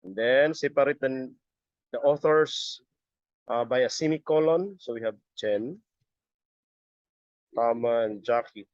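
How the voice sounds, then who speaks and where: A middle-aged man giving a step-by-step software tutorial as an instructor, halting and often repeating his words. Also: medium pitch, no echo. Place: busy area, on a video call or webcam setup. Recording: dull lo-fi audio.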